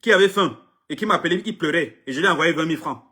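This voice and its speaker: Speaking French rather than his native English, a middle-aged artist manager from Cameroon gives a fiery public speech, repeating himself for emphasis and frequently tripping over words. The voice is fairly high, husky and sharp, coming out rapid-fire.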